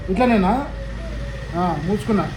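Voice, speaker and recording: A woman's voice: medium pitch, moderate pace, noisy background. A woman with a Telangana Telugu accent filming a casual home vlog, chatting to the camera and coaxing and teasing her children. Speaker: family vlogger.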